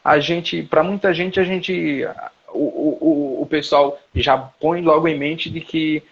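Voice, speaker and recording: A man's voice: a little high, steady tone, slow, husky, highs cut off. A man, lecturing as a professor in a live online class and searching for words aloud as he explains.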